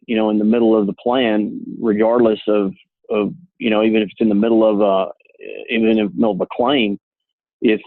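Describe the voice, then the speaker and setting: A man with a husky, gravelly voice talks earnestly and plainly as an insurance agent explaining how plans work. His voice comes through a thin, tinny phone line. The sound is dry, with no room around it. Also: lowish voice, no room sound. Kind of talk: casual explanatory talk on a call.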